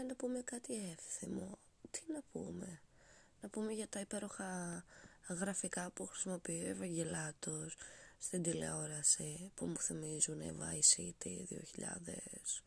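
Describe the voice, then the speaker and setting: Her voice lowish, husky and darkish with vocal fry, a young woman runs her podcast as a sarcastic, wandering monologue. She often whispers, and congestion from a recent cold is audible.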